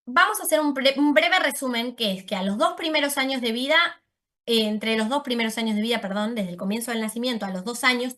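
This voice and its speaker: Her voice is a little high, bright and forceful as this speech therapist explains her topic in a talk to an audience. She uses voseo and often corrects herself.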